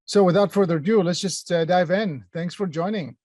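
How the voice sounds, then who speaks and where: A man's voice: high-pitched, fairly quick, a little mellow, no room sound. Middle-aged man presenting an online workshop. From Palestine, raised in Kuwait. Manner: conversational, many fillers and restarts, addresses chat. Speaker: workshop presenter, company founder.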